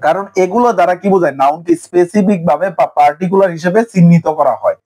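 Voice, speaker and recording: High-voiced man teaching grammar. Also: fast talker, warm tone. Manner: asks rhetorical questions and answers them himself. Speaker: English teacher. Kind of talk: online grammar lecture.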